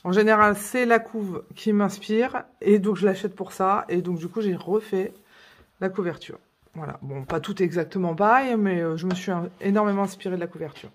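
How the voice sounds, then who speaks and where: A woman's voice: medium pitch, normal speed. A woman vlogging about her coloring books in a casual show-and-tell chat, rambling with many fillers and self-corrections.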